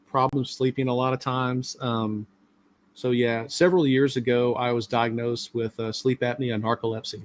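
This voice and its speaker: A man's voice: mid-range voice, little pitch movement, moderate pace, a little hiss or hum. A middle-aged man hosting a live stream, talking casually and at length with many fillers. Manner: rambling, talkative, lots of fillers.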